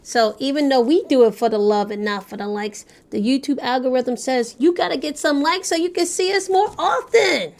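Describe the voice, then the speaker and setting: A woman's voice: high voice, brisk, hardly any pauses, a little mellow. A woman co-hosting a personal finance talk show, explaining points confidently and affirming her partner with frequent agreement sounds.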